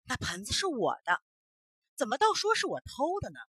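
A woman's voice: on the high side, sing-song, fairly quick, sharp tone, breathy edge, no room sound, full character voice. A woman voicing an honest old fisherman in a storybook tale, protesting earnestly. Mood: indignant.

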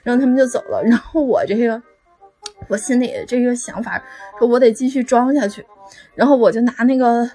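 A woman's voice: on the high side, warm tone, close to an everyday voice. A woman telling it as a hapless student stuck posing as a wax figure. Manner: rambling, full of "then" fillers.

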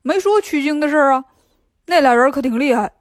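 A woman's voice: high voice, animated, a little fast, dry recording, studio quality. Sha Wujing, a woman voicing a river-demon monk. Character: gruff male river demon turned monk, friendly.

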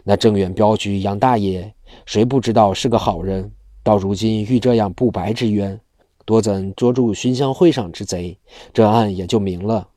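A man's voice: lowish voice, normal speed, dark tone, no echo, studio quality, lightly acted. A man reading a chatty tavern waiter. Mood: gossipy. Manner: talkative, gossiping.

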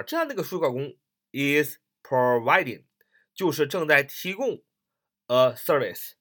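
Man teaching, with lively pitch. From northern China. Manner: repeats and spells out words letter by letter; frequent filler particles between phrases. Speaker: English teacher. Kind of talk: recorded English reading lesson.

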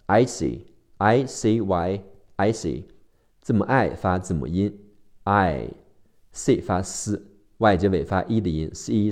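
A man teaching English vocabulary, spelling each word out letter by letter and repeating the sounds slowly. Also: deep voice, mellow. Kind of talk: spelling and phonics vocabulary lesson.

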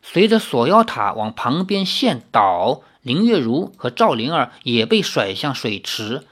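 An animated audiobook narrator whose pitch rises and falls freely across the story. The telling is expressive, with occasional asides to the listener. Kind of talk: novel read aloud.

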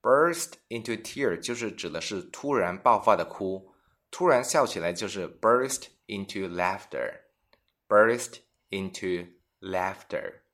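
A man teaching English expressions in a scripted bilingual lesson, reading each example sentence slowly and deliberately. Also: low-pitched, animated, a bit bright.

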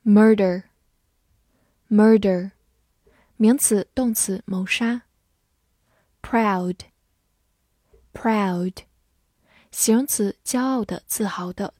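Woman, very slow, mellow voice, dry close sound, word drill. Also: medium pitch, no echo. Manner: slow, deliberate, repeats each word twice. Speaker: vocabulary reader.

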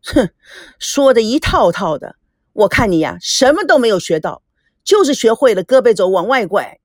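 A woman's voice: on the high side, sing-song, normal speed, no room sound, clean studio sound. A woman voicing a stern, domineering old father who scolds his daughter. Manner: scolding, gruff.

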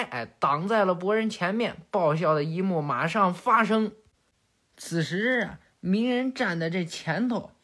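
A woman in casual recap narration, chatty and animated with many little fillers. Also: fairly low pitch.

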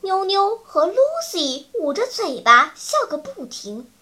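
A woman reading a children's story aloud with playful, animated narration. Her voice sits high and bright, swinging widely in pitch at an unhurried pace.

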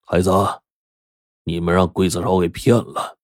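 Man voicing an old fox of a father, low measured voice, dry close sound. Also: little pitch movement, a little mellow, no echo, lightly acted. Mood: knowing. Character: shrewd old father, calm and sly.

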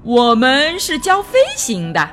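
A woman voicing a polite but scheming male stork doctor in a children's storybook, drawing out his words smoothly. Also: on the high side, very animated, fairly bright tone, soft background music, pitched above the performer's own voice, full character voice. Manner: drawn-out, smooth-talking.

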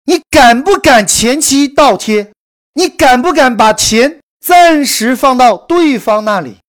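A woman telling a promotional story in a brisk, emphatic scripted sales delivery. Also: sits high, lively intonation. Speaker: course promoter narrator.

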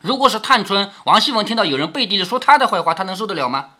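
A man retells a classic novel and stops to explain it, often posing rhetorical questions. His voice is bright and slightly husky. His pitch moves very expressively. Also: very animated, very fast. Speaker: narrator and commentator reading a classic novel. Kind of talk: storytelling with commentary.

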